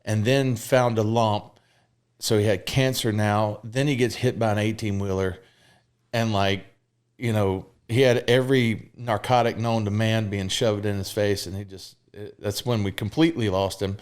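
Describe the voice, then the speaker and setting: A man's voice: lowish voice, steady tone, moderate pace, clear, resonant tone. A man in his thirties from Mississippi, a podcast guest telling his life story frankly and openly, with fillers and the odd curse. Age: 30s. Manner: frank and open, peppered with fillers and profanity. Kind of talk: candid conversational storytelling.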